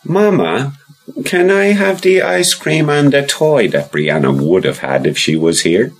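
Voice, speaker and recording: A man's voice: medium pitch, expressive, a little slow, husky, voice pushed up. A man voicing a young boy who is earnest and sweetly scheming, with a pleading, wheedling way of asking.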